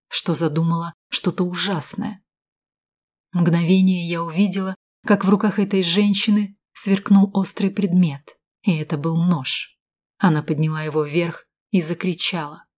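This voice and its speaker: A woman narrates a story in a tense, dramatic voice. Her tone sits fairly low and carries the suspense. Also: fairly even intonation, moderate pace, darkish tone.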